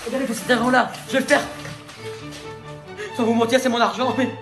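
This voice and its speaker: A man's voice: extremely high pitch, level tone, fairly quick, over music. A man voicing a pompous rich former male vice-president who talks smugly, puffs himself up and keeps backpedalling, in a comedic sketch speech. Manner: smug, self-important, backpedalling.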